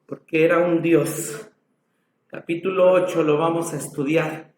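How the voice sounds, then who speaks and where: Passionate Mexican preacher, high voice. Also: male voice, fairly even intonation, a little slow, a little mellow, echoey room, slight background noise. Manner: passionate, dramatic storytelling. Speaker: pastor. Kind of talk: sermon. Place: church.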